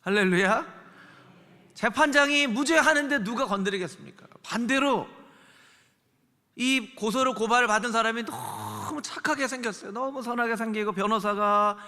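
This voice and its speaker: A man's voice: very high voice, expressive, moderate pace, pushed and bright. A male pastor preaching a Sunday sermon, dramatically acting out the voices he quotes. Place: large church sanctuary. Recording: long church hall reverb.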